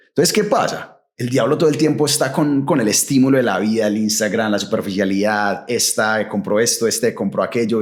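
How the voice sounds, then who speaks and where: Animated Colombian Paisa man, low voice. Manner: vivid storyteller, uses voseo and slang. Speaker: podcast guest. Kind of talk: animated testimony.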